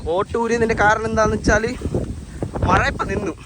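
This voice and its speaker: A man's voice: sits high, steady tone, a little fast. A Malayali man doing casual walking commentary for a vlog outdoors, mixing English slang into his Malayalam, with heavy noise. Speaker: vlogger. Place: outdoors on a muddy, rainy trail. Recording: very noisy, windy outdoor recording.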